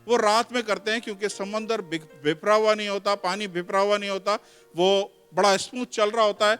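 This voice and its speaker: A man's voice: high-pitched, fairly even intonation, fairly bright tone, clear, resonant tone, long reverb tail, faint music behind. A male pastor preaching a sermon, reading scripture aloud and explaining each verse, slipping English words in. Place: church hall.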